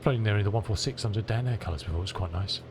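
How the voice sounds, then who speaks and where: A man chatting casually and thinking aloud as he streams a flight simulator. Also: very fast. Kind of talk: casual chat while playing. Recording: clear cockpit engine rumble behind. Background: aircraft engine rumble.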